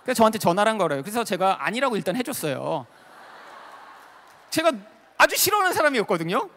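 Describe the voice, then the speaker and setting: A male pastor preaching to a crowd, his high voice swinging widely in pitch as he tells a story with feeling. His words ring out with a long reverb through a large worship hall, picked up on a stage microphone. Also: fast talker, a little hiss or hum. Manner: animated, emotional storytelling with frequent fillers. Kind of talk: sermon with personal storytelling.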